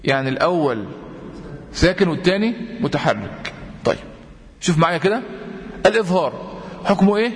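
Man, Egyptian accent, tajweed teacher, higher voice, long reverb. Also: animated. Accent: Egyptian Arabic. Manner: quizzing students with repeated questions; chants verse examples slowly. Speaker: Quran recitation teacher. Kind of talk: tajweed lesson.

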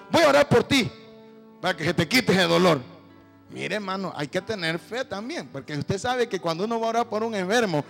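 A man's voice: high voice, vocal fry, rough recording. A middle-aged male preacher giving a sermon, telling stories and calling out to the congregation as brothers. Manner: storytelling, addresses the congregation as brothers.

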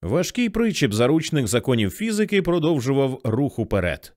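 Lively, expressive male audiobook narrator. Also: mid-range voice, moderate pace, dry recording, studio quality. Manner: vivid, expressive storytelling.

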